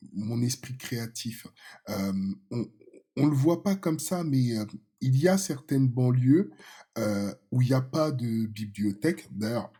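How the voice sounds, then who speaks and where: A man in his fifties who grew up in France, answering interview questions in a halting way, with many fillers and restarts. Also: mid-range voice, warm tone, slightly rough. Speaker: podcast guest. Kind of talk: casual interview talk.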